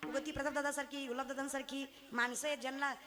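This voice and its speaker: A woman leads a devotional kirtan sermon, speaking fast at a high pitch. She narrates with animation, moving from loud calls to the audience to soft entreaties.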